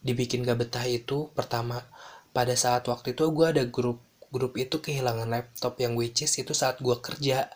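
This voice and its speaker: A young man telling a personal story in casual slang, animated and dropping in English phrases. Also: medium pitch.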